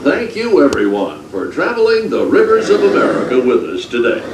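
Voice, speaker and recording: Guy doing riverboat captain passenger announcement, airport style, big pitch swings, music behind. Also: huge pitch swings, normal speed. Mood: courteous. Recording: echoey boat loudspeaker, music behind.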